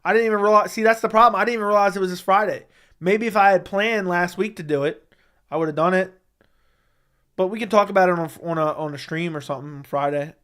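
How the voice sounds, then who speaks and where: A smooth, fast, high-pitched voice with a fairly bright tone belongs to this MMA commentary livestream host. Casually answering chat, he's blunt and opinionated and keeps repeating his points to underline them.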